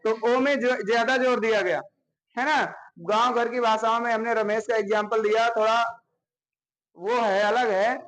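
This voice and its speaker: Teacher, male, high-pitched, walks students through basics, constantly checks they're following. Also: fairly even intonation, normal speed, fairly bright tone, low-quality recording. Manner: explains step by step, often checking with "है ना?". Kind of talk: classroom grammar lesson.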